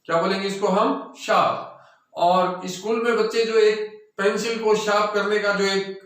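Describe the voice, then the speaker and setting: A man's voice: high voice, a bit bright. A man teaching English pronunciation, spelling words out letter by letter and repeating them with quiz-like questions. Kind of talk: classroom-style lesson. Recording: very echoey room, voice far from the mic.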